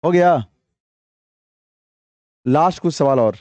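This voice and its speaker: A man teaches grammar in a high, mellow voice, reading sentences out slowly and then pressing his students for answers. The sound is dry and close, with no room around it. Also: expressive, dry recording. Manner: coaxing, quizzing students with repeated questions; reads English sentences slowly, then explains briskly. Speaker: English teacher. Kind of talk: classroom grammar lesson.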